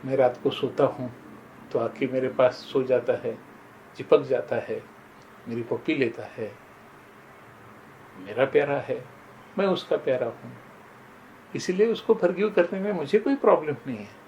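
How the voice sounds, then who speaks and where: A man's voice: medium pitch, measured pace, long pauses, darkish tone, dull audio, slight background noise. An older man shares moral stories in a sincere, storytelling manner, often turning to his listeners as friends. His voice sits in a middle register, and a faint room ambience hums behind him. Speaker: motivational speaker. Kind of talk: motivational talk with personal stories.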